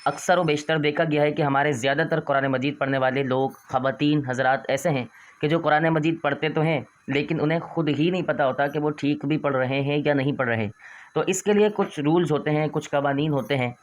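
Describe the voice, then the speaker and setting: A man's voice: fairly high pitch, fairly even intonation. A man teaching an online Quran reading lesson, patiently explaining and repeating letter sounds in an earnest, exhorting manner.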